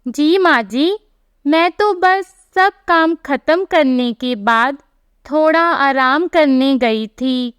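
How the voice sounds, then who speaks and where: A timid young daughter-in-law from a storybook tale, voiced by a woman. She pleads softly in a high voice. The pace is very slow, and the recording is close and dry. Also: no room sound. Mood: meek. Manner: meek, pleading.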